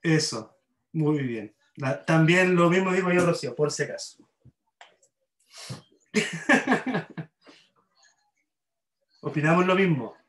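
A man's voice: fairly high pitch, lively intonation, takes it slowly, long pauses, fairly bright tone, reverberant, poor audio. A man with a Chilean accent teaching a university grammar class online. He explains by repeating examples and checks in with his students. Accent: Chilean Spanish.

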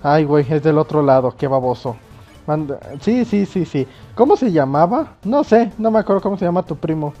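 A man doing loud, excitable let's play commentary, swearing and yelping often. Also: fairly high pitch, moderate pace, muffled recording, faint music behind. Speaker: gamer playing on video.

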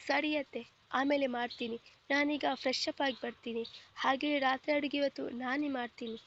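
Woman doing a feisty young wife, storybook, pert retorts, high voice. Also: fairly even intonation, moderate pace, a bit bright, dull audio, a little hiss or hum. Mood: gentle.

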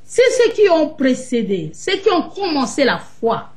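A woman's voice: sits high, big pitch swings, a little slow, darkish tone. Emphatic woman preaching on a video call. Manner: emphatic, rhetorical questions. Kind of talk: sermon-like teaching on a video call. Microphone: video call webcam.

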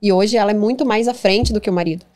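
Convidada brasileira ponderada, fala rápida. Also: female voice, medium pitch, fast talker, a little mellow. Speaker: podcast co-guest. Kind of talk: conversational interview.

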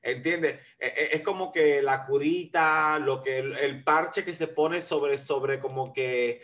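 A man's voice: fairly high pitch, fairly even intonation, slow pace, a bit bright. A man in casual, flamboyant chat, crude and playful as he reviews a competition show.

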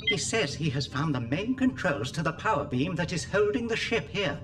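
C-3PO, high, fussy robot. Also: male voice, sing-song, moderate pace, heavy background noise. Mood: formal. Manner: fretful, formal, fluttery. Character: prim, anxious, fussy male humanoid robot butler. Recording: loud orchestral game score behind.

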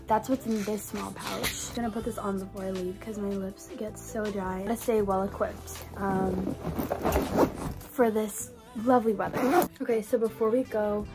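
A woman's voice: medium pitch, steady tone, normal speed, loud music behind the voice. A young woman, a college student, chatting casually to her phone camera in a small dorm room, breezy and full of fillers. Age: young adult. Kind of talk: casual vlog talk to camera. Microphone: phone camera at arm's length.

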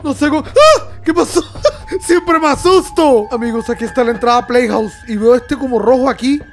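Excitable guy commentating a game, high voice, yelps at scares, quiet game music under it. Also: fairly quick. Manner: excitable, talks to viewers, yelps and laughs at scares. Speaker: gamer. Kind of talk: let's-play commentary.

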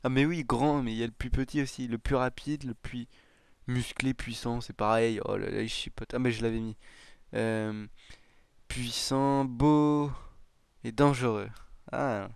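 A man's voice: mid-range voice, fairly even intonation, unhurried, creaky, clean tone, no room sound. Man, gaming commentary, thinking aloud, self-mocking, chuckles, clean dry close sound. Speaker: gaming YouTuber. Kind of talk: casual let's-play commentary.

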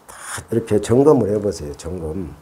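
A man's voice: deep voice, sing-song, brisk, warm tone. A middle-aged man hosting a casual hands-on gardening tutorial, chatty and repeating himself as he thinks aloud. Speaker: orchid-growing channel host.

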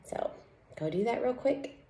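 A woman in her thirties teaching a kindergarten reading lesson, speaking in deliberate, simple phrases with frequent questions to the listener, recorded in a room at home. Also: on the high side, expressive, warm tone. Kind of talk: reading lesson for young children, instructing and reading aloud. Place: indoors, home room at a table. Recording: echoey room.

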